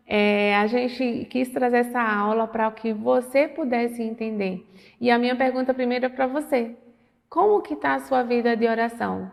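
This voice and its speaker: Gravelly-voiced woman teaching in an echoing room. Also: fairly high pitch. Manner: animated, re-enacts dialogue, earnest devotional tone. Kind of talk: lesson with personal storytelling.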